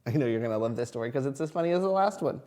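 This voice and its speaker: A man with a medium-pitched voice reads a children's picture book aloud, as if to a toddler. He is expressive and teacherly. He puts simple questions to his young listeners as he goes. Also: racing. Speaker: kindergarten reading teacher.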